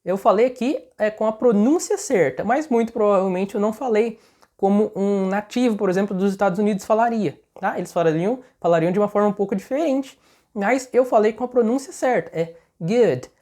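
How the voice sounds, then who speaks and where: A woman's voice: mid-range voice, a little fast, mellow. Chatty Brazilian woman teaching English. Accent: Brazilian Portuguese. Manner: chatty, keeps checking in with the listener. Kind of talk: casual explanatory video lesson.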